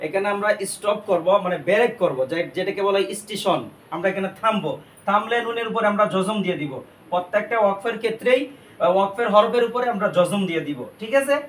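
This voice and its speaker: A man teaching Quran recitation step by step, explaining each sound and drawing phrases out slowly. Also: sits high, a bit bright, reverberant, recorded from a distance, a little hiss or hum.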